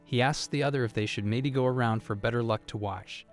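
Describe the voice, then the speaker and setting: A man narrating a manga recap in a steady, reported-speech storytelling manner. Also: medium pitch, fairly quick, faint music behind.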